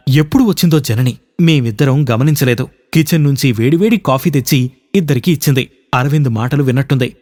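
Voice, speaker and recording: A male radio reader narrating a first-person story. His delivery is measured and expressive, in a mid-pitched voice. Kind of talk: scripted narration.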